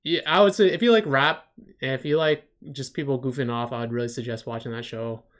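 During a casual livestream, a storyboard artist critiques storyboards sent in by viewers. He talks fairly quickly in a mid-range, slightly bright voice, rambling enthusiastically and saying "like" a lot.

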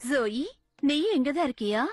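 A woman dubbing a kind, cheerful mother in a cartoon, gentle and motherly. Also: high-pitched, animated, moderate pace, over loud music. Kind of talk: Tamil cartoon dub.

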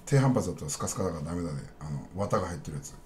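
A man's voice: low-pitched, lively intonation, racing, darkish tone, a little hiss or hum. A man chatting casually on a live stream, rambling bluntly and talking straight to his viewers.

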